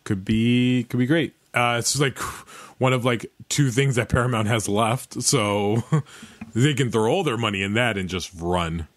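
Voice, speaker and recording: A man hosting a podcast, chatting casually and quickly, with lots of "uh"s and laughs. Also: medium pitch, no echo. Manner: rapid, filler-heavy, laughs between remarks. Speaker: podcast host.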